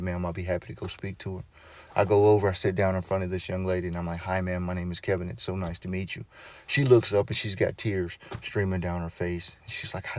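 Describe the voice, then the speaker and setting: A man telling a heartfelt story in an earnest, gentle way, often quoting others softly. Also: low voice, creaky. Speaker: storyteller vlogger.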